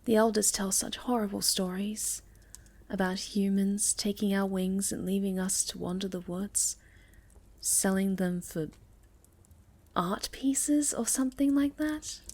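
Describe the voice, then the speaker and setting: In a soft, halting ASMR roleplay with a cozy, shy mood, a woman plays a sweet, shy, gentle moth-girl monster. Her medium-pitched voice often slips toward a whisper.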